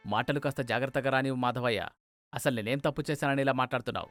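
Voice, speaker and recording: A man's voice: medium pitch, rapid-fire, fairly bright tone, soft background music, lightly acted. A man voicing a puzzled, defensive middle-aged schoolteacher in a cartoon story. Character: calm middle-aged male schoolteacher, bewildered.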